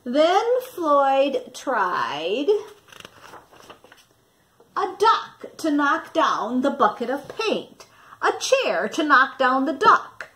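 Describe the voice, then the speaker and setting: A high-voiced woman reads a picture book to children, her pitch rising and falling in a lively way. She leaves dramatic pauses and asks her young listeners questions.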